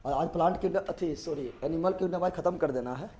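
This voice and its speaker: A man's voice: on the high side, fast talker, warm tone, a little hiss or hum. A man teaching a live online biology class in with a lilt, repeating questions and answers to his students. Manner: repetitive call-and-response questioning.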